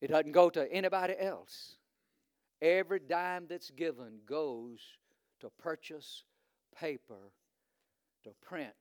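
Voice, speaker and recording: A visiting preacher from Virginia, speaking with a Virginian accent, delivers a fervent sermon that builds to emphatic repetition, with frequent "uh" fillers. His voice is fairly high, clear and resonant, captured in a clean studio recording with no room sound.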